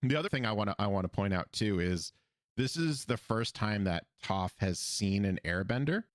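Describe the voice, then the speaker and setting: A man with a very low voice talks through an animated episode in loose, chatty fashion, laughing along with his co-host. The sound is close and dry, with no room around it. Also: normal speed, no echo. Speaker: podcast co-host. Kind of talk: casual episode recap chat. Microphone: podcast microphone.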